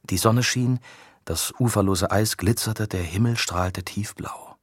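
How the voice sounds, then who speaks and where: A man reading an audiobook with steady, even storytelling. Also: lowish voice, a little slow, husky, no room sound, clean studio sound. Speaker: narrator. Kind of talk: scripted audiobook narration.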